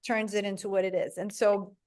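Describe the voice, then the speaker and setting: Brazil-born woman, interview guest, earnest, halting with fillers. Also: medium pitch, little pitch movement, a little mellow. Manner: earnest, searching for words, many fillers. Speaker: guest, product founder. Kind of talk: conversational interview.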